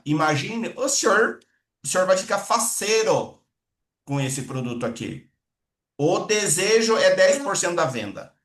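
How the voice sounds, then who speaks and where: Animated sales trainer, echoey. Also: male voice, fairly high pitch, far from the mic. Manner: animated, colloquial, acts out customer dialogue. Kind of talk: lively sales training talk. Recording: echoey room, speaker away from the mic.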